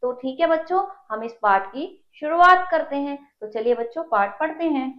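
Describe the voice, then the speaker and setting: A young woman teacher with a high voice reads a story aloud to children. After each line she retells it in plainer words. The recording sounds dull and lo-fi. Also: animated, moderate pace. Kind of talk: reading a textbook story aloud and explaining it to children.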